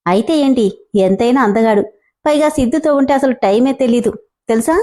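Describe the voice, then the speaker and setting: A woman's voice: a little high, a little fast, dark tone, lightly acted. A woman voicing a breezy, cheerful young college woman in a spoken storybook. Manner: breezy, dismissive.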